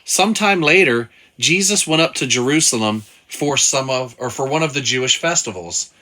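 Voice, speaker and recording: A man's voice: medium pitch, animated, moderate pace, pushed and bright. A man reading the Bible aloud with his child and then explaining it in loose, casual talk. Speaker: father leading family Bible study.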